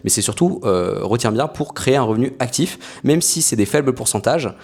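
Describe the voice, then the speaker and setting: Young male YouTuber, fast and hesitant, explaining casually to camera. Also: mid-range voice, animated, creaky, darkish tone, breathy edge. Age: young adult. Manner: frequent hesitations with many "euh" fillers. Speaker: finance YouTuber.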